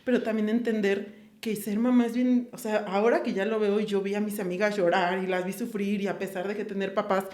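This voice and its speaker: A woman's voice: medium pitch, little pitch movement, brisk, a little mellow. A young woman with a Mexican Spanish accent, talking candidly and personally as a podcast host, quoting her own thoughts with many fillers. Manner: candid, confessional, lots of fillers and quoted inner speech. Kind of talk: casual conversation. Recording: echoey room.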